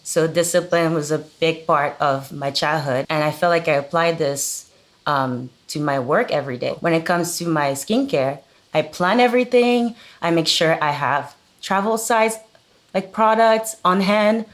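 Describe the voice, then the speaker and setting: A woman's voice: sits low, a little slow. A young woman who is a model, talking casually on a video-call panel and saying "like" often. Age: young adult. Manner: casual, with frequent "like". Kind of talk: panel discussion.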